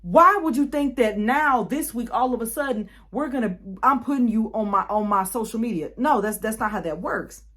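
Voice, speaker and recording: A young woman, telling a storytime vlog in a chatty, animated way, often repeating and restarting. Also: on the high side, moderate pace, few pauses. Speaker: YouTuber.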